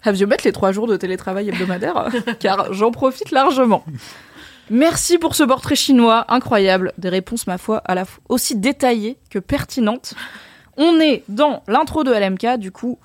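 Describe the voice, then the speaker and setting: A woman's voice: a little high, expressive, moderate pace, dry recording. A woman hosting a casual podcast chat, playful and dropping English phrases into her talk. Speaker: podcast host.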